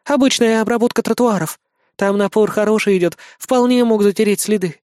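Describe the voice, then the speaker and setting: A reader voicing a young female assistant in an audiobook, quick and matter-of-fact with a teasing edge. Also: mid-range voice, a little mellow, clear, resonant tone, dry recording, clean studio sound, voice pushed up, close to an everyday voice. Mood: brisk, wry.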